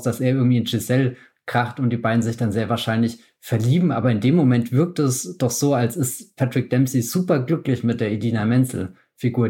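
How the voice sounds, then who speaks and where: A man's voice: medium pitch, a little mellow. A man co-hosting a podcast, musing at length about a film with frequent laughs and restarts. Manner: thoughtful, rambling, laughs often. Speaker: podcast co-host. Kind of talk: casual film discussion.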